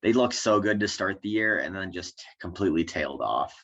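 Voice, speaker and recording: A man's voice: sits low, animated, fairly quick, fairly bright tone. A young man co-hosting a podcast, chatting hesitantly about sports, often restarting with "I think" and "I mean.". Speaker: podcast co-host. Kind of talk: casual sports chat. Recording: dull lo-fi sound.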